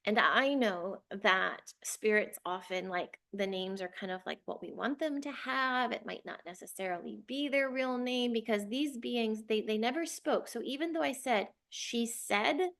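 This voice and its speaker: A woman's voice: fairly high pitch, moderate pace, creaky, hardly any pauses, fairly bright tone. A young adult woman, a spiritual channeler, telling a personal story in a loose, rambling way full of fillers, sometimes getting emotional.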